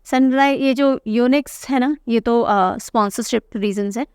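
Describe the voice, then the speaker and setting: Young woman, high and clear, as a lively exam-coaching teacher who drills names by repetition. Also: measured pace, dry recording, studio quality. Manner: chatty, teasing, repeats key names. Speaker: current affairs teacher. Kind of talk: exam-prep lesson.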